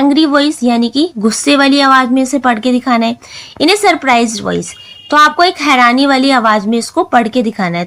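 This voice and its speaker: A woman teacher, explaining a textbook lesson and reading lines slowly before explaining them in Hindi. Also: high-pitched, a bit bright, low-quality recording.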